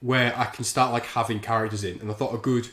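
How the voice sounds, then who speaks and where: A man's voice: mid-range voice, steady tone, quick pace, a bit bright, echoey room. Crude, laughing male streamer. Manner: crude, laughing banter while drinking. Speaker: livestream host. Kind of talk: casual chat.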